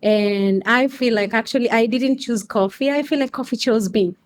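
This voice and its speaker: Her voice a little high, a woman from Kenya answers interview questions casually as a guest, drawing on her job as a coffee customer experience manager. She takes her time, restarting often and leaning on fillers.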